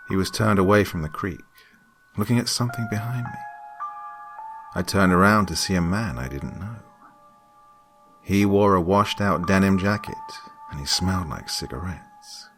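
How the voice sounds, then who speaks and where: A man with a very low voice narrates a horror story. His delivery is hushed and creeping, sinking toward whispers. Music plays clearly behind him.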